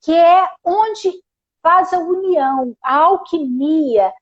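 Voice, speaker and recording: A high-pitched woman takes her time, speaking gently and leaning on little questioning tags as she shares spiritual reflections. The audio is dull and lo-fi, as over a video call. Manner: soft, unhurried, tags phrases with "né?". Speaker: guest therapist. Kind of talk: casual spiritual conversation.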